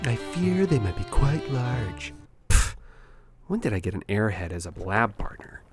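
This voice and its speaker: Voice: mid-range voice, big pitch swings, unhurried, loud music behind the voice. Exasperated lab scientist with swooping delivery, acted out. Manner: dramatic, swinging from dry to exasperated. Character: exasperated, fussy lab scientist recounting a disastrous week. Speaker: actor in a comedy sketch. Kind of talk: comic dialogue and deadpan statement-giving.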